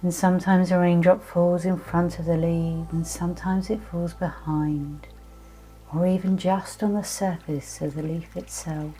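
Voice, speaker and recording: A woman with a low, very mellow voice guides a meditation, gently narrating a calming visualization without hurry. Her hypnotic, soothing delivery leaves many pauses between phrases, while soft music and trickling, dripping water play faintly in the background.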